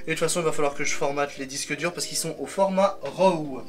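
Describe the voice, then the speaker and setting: A man's voice: fairly high pitch, fast talker, soft background music. Rambling French-speaking man, tech vlog. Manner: rambling, self-correcting, fond of "donc". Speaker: tech video creator. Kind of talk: casual hands-on tech vlog.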